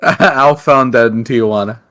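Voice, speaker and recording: A man's voice: mid-range voice, a little slow, a bit bright. Goofy teasing man on a podcast. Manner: goofy, teasing, slips into silly voices. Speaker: podcast co-host. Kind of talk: casual chat.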